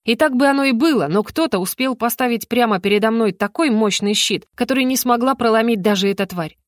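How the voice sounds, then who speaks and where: A woman's voice: a little high, brisk, dry recording, studio quality. A woman narrating a fantasy audiobook in the first person, reading expressively.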